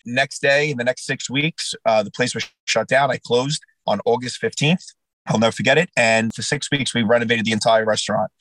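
A man's voice: mid-range voice, a little fast, low-quality recording. A man with a New Jersey accent, a restaurant owner telling his story in a casual interview and acting out the dialogue. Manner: animated storyteller, acts out quoted dialogue.

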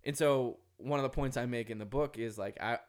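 A man with a Minnesota accent appears as an author guest on a podcast, speaking at a brisk clip with a medium-pitched voice. He comes across as earnest, reflective, philosophical and emphatic.

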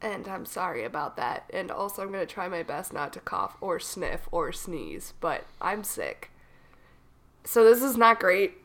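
Though her pitch is fairly low, this young woman sounds very animated and a bit bright, never rushing. She's a co-host on a casual chat podcast, a little froggy from a cold, telling stories that wander.

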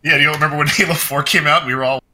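A man co-hosting a casual gaming podcast, joking and laughing quickly, his headset mic crackling and cutting out like a loose cable. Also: on the high side, fairly even intonation, sharp tone. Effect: crackly mic that keeps cutting out. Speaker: podcast co-host. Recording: crackly dropping mic with faint hiss.

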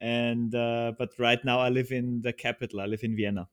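A man's voice: medium pitch, flat delivery, moderate pace, clear, resonant tone. Hesitant Austrian-born man, guest on a podcast. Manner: hesitant, many restarts and fillers. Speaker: podcast guest, video trailer producer. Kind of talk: casual interview chat.

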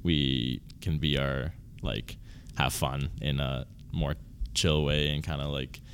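A man in his early twenties, a university volleyball player, answering interview questions casually and haltingly, often restarting and trailing off. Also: extremely low pitch, fairly even intonation, a bit bright, a little hiss or hum. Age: 20s.

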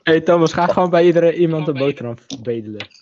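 Male podcast guest, teasing and blunt, slightly high voice, muffled call sound. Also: lively intonation, quick pace, darkish tone, a little hiss or hum. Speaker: podcast participant. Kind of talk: casual chat over a call.

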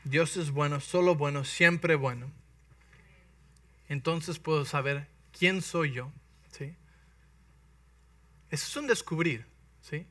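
A man preaching a sermon in lively storytelling style, acting out voices and checking in with his listeners. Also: a little high, takes it slowly, long pauses, no room sound. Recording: voice from some distance, dry.

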